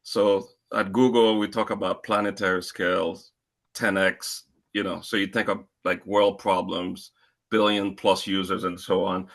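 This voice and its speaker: Middle-aged haitian-born guy, low gravelly voice, lots of ums and restarts. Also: little pitch movement, a bit bright. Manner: halting, with many fillers and restarts. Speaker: audience member asking a question. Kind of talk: conversational question at a panel.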